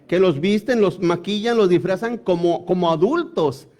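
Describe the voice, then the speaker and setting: Man, preacher, high-pitched, sermon, frequent restarts. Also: normal speed, a little mellow. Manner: addresses listeners as brothers, many asides and restarts.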